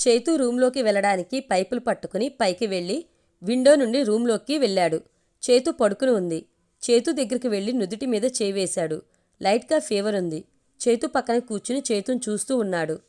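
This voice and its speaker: A woman reads a family story aloud as a storyteller. Her narration is steady and even, at an ordinary middle pitch.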